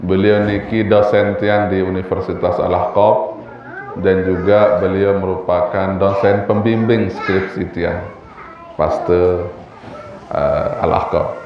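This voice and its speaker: A man with a Sasak Lombok accent delivers a relaxed sermon, joking and tossing rhetorical questions at his listeners. He speaks slowly in a plain middle register. The sound is dull and distant, washed in heavy hall echo. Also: sits low, slight background noise. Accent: Sasak-accented Indonesian from Lombok. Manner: chatty and joking, firing rhetorical questions at the congregation. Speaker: preacher. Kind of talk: weekly religious study sermon.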